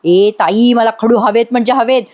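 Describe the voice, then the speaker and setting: Woman doing a shrill manic jailed villainess. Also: moderate pace, a little mellow, lightly acted. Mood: shrill demanding. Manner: shrill, childish and manic, mocking sing-song. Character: scheming unhinged young woman villain in jail.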